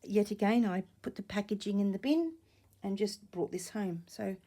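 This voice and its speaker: A woman chatting casually in a soft, mellow voice that is a little croaky. She rambles gently through a show-and-tell and often sinks to a near-whisper. She is recorded on a desk camera in a small home room. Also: mid-range voice, moderate pace, slight background noise. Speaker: vlogger showing vintage finds. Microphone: camera or tablet on a desk.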